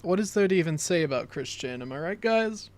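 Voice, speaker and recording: A man's voice: on the high side, expressive, brisk. A man co-hosting a podcast from his room at home, chatting casually over a voice call into a desktop mic, rambling with lots of fillers and the odd swear. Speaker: podcast co-host. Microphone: desktop microphone on a voice call.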